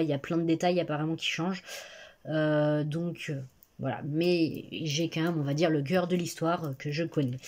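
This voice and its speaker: A young woman talking casually about books she has read, with many fillers, pauses and self-corrections. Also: fairly low pitch, darkish tone. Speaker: book vlogger. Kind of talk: casual book review to camera.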